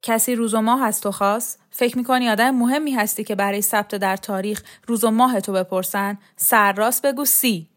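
A woman's voice: a little high, steady tone, few pauses, lightly acted. A woman reader voicing a bossy, impatient male official who barks short commands in a storybook reading. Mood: curt. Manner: curt commands, barking.

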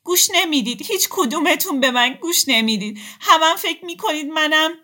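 A distraught young woman in a storybook reading cries out in a high, tearful voice, as a woman narrator puts her on. She pleads with wounded pride, her voice strained and lifted well above the narrator's own. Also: lively intonation, sharp tone. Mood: anguished.

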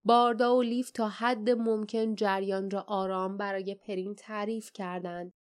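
A woman reading an audiobook in measured, expressive scripted narration. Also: mid-range voice, clean tone.

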